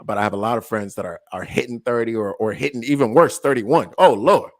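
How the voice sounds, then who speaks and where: A man in his late twenties co-hosting a podcast, chatting casually in an animated, joking way, with frequent stammered restarts and laughter. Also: medium pitch, brisk. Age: late 20s. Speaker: podcast co-host. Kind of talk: casual chat.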